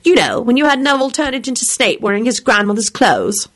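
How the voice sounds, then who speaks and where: Picture a prim, no-nonsense young woman who is worn out and talks firmly, as a woman reading the story gives her voice. Her lines have a lively, varied pitch. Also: brisk. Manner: firm, prim. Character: firm, weary young woman.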